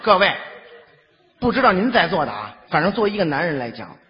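A man performing stage crosstalk, telling a comic story in an animated, boastful way. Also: sits high, fast. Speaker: lead crosstalk comedian. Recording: dull, hall-reverberant stage recording.

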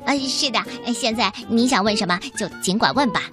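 A woman's voice: fairly high pitch, brisk, music in the background, natural voice. A woman voicing nervous little ducklings in a children's storybook. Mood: chirpy. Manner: nervous, fussy. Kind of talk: storybook reading.

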